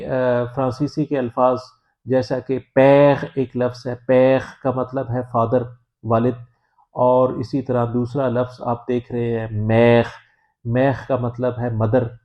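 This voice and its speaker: A man from Pakistan giving a language lesson, explaining in a measured, patient way with frequent hesitant pauses. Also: mid-range voice. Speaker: French teacher. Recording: dull lo-fi recording.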